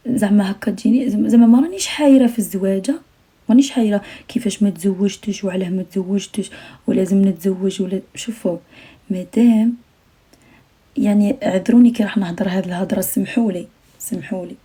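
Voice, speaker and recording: A woman's voice: medium pitch, steady tone, quick pace, dark tone, slightly rough. A young Algerian woman talking earnestly to her viewers on a late-night live stream, repeating her phrases and sometimes dropping almost to a whisper.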